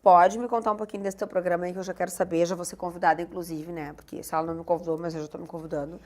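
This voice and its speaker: A woman hosting a casual podcast chat, animated and playful. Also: lowish voice, very fast. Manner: animated, playful, self-mocking. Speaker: host.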